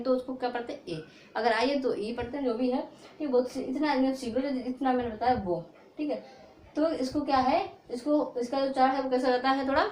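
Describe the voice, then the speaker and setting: A woman teacher explaining spelling rules to students, slowly sounding out letters and often checking in with her class. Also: high-pitched, a little mellow, a little hiss or hum. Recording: echoey room.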